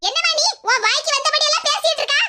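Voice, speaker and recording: A woman voicing an older mother who tries to calm an angry guest in an animated cartoon, with a Kanyakumari Tamil accent. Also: extremely high pitch, rapid-fire, background noise. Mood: placating. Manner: placating, pleading.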